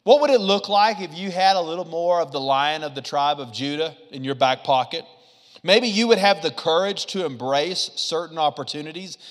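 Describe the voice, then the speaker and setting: A man preaching a lively sermon, swinging from loud punches to quiet asides. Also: on the high side, moderate pace, in a large hall. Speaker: pastor.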